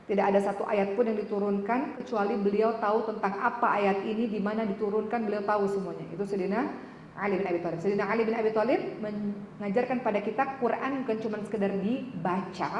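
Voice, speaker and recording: A woman's voice: medium pitch, fairly even intonation, a little fast, a little mellow, slight background noise. A woman preacher giving a conversational religious lecture to a women's audience, often asking them questions directly. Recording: echoey hall with reverb, faint ambience.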